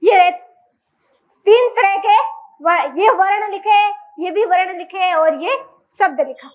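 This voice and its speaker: A woman's voice: extremely high pitch, slow, highs cut off. A woman teacher with a Rajasthani Hindi accent, giving a classroom lecture and quizzing her class with question after question.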